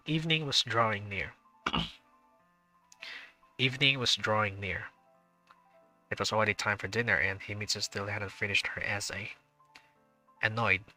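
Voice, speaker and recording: Once more the gaming streamer reads visual novel narration with chatty asides, hesitating and using fillers when unsure. The voice is lowish, bright and forceful, captured on poor audio.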